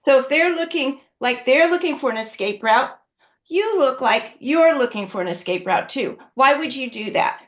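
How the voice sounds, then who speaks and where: A female instructor with a high voice, lively intonation and normal pace gives a classroom lecture in a conversational style. She checks in often with her students, and the recording is dull and lo-fi.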